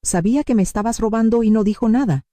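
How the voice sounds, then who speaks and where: A woman narrating a dramatic story in the first person, steady and emphatic. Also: fairly high pitch, fast talker, no echo.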